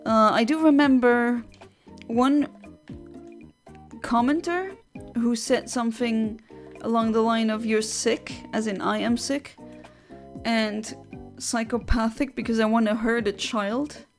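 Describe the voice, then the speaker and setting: A woman's voice: on the high side, steady tone, takes it slowly, faint music behind. A young woman from Luxembourg, chatting on a livestream headset mic, reading out viewer comments and giggling between rambling asides.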